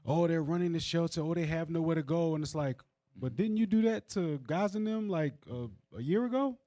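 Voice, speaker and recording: A man's voice: on the high side, lively intonation, a little fast, mellow, dry recording, studio quality. A man speaks casually and heatedly in a group discussion, leaning on fillers. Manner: heated, uses y'all and fillers. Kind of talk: casual chat.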